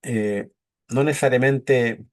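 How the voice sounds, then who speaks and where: A man's voice: mid-range voice, fairly even intonation, takes it slowly. A man teaching a leadership course in a conversational lecture style, often checking in with his listeners and acting out short quoted exchanges. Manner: conversational, keeps checking in with "¿cierto?", acts out little quoted exchanges.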